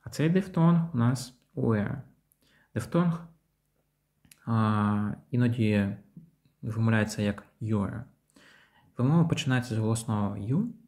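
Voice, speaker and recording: A man's voice: medium pitch, a little mellow. A man teaching English pronunciation, patiently explaining each sound and modelling example words. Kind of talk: pronunciation lesson.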